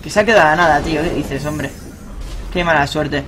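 A young man giving live, excitable commentary on his own ranked game, swearing and cheering at big plays. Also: on the high side, brisk, over music. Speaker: gaming streamer.

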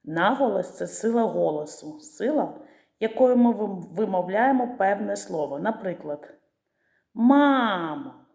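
A woman teacher giving a literacy lesson to young children, pronouncing words slowly and stretching out the syllables. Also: medium pitch, gravelly, mellow. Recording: echoey room.

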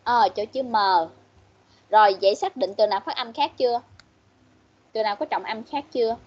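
A woman teaching an English class online, patiently coaxing pupils and repeating words slowly. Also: a little high. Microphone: video call. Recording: muffled online-call audio.

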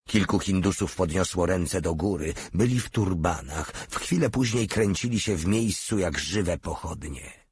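Deep husky male audiobook narrator. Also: no echo. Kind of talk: audiobook reading of a war novel.

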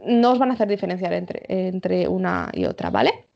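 A woman with a Spanish accent teaching an English exam-prep class online, checking in often with her students and slowing down to model English examples. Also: on the low side, huge pitch swings, gravelly, lo-fi sound. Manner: switches between Spanish and English, frequent "vale?" check-ins.

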